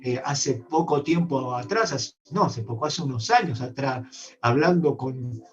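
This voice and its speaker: A man's voice: mid-range voice, expressive, unhurried. Earnest preaching man. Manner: earnest, speaks directly to listeners. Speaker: bishop preaching to a congregation. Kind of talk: sermon. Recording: distant, dull online-meeting audio.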